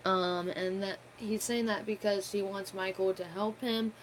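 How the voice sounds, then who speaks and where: A woman's voice: medium pitch, fairly even intonation, measured pace, slight background noise, poor audio. A woman hosting a gaming channel, giving an unscripted live-stream game theory talk, rambling with many fillers and self-corrections.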